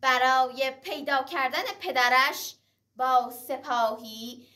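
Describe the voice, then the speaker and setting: A woman's voice: high-pitched, fairly even intonation, sharp tone, far from the mic. A woman reciting a traditional epic in the declamatory manner of a teahouse storyteller, moving between dramatic verse and narration.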